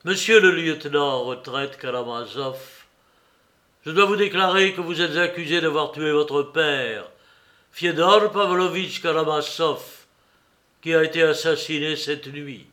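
A young investigating magistrate, as a man puts him on speaks with self-importance but rushes his words. The voice sits high and bright. It is part of a novel read aloud. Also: animated, exaggerated voice. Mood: firm.

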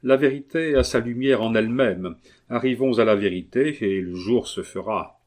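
A man reading a novel aloud, voicing an earnest, persuasive gentleman who speaks in a calm, measured way. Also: mid-range voice, lightly acted. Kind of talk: audiobook reading.

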